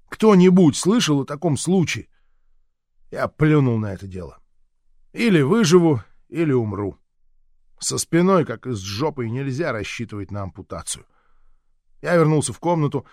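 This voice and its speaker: A man doing a measured, sardonic scripted narration of an audiobook. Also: mid-range voice, no room sound, studio quality.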